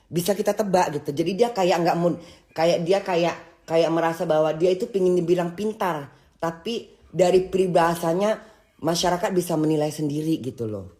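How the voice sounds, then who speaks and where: A woman's voice: lowish voice, dark tone. A woman, hosting a livestream and ranting casually in a scolding way, stumbling and restarting her words often. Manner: halting and scolding, with many restarts. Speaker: livestream host.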